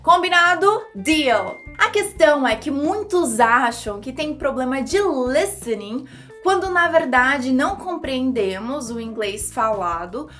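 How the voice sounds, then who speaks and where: Upbeat high-voiced woman teaching English. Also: a bit bright. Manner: upbeat, chatty, acts out examples in funny voices. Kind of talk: YouTube English lesson.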